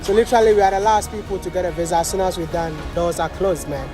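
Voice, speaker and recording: A man's voice: sits high, fast, music in the background. A man from Ghana vlogging his travels in an upbeat, chatty way, full of curious questions. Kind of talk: casual travel vlog narration.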